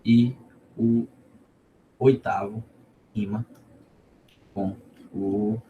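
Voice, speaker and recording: A man's voice: on the low side, steady tone, very slow, lo-fi sound, slight background noise. Brazilian Northeastern man teaching a class. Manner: informal, repeats words, asks the class questions. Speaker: teacher of a cordel literature course. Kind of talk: online lesson, explaining.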